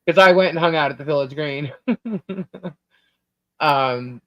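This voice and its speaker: A low-voiced woman from Long Island, New York runs a live stream of casual, rambling chat, laughing often. Her speech drops out because of a bad internet connection, and the audio comes through dull, dry and lo-fi.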